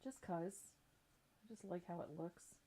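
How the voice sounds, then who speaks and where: At an indoor craft table, a middle-aged woman who teaches craft painting and hosts livestreams gives a casual, chatty live tutorial. Her voice sits lowish, with a measured pace, a warm tone and a breathy edge.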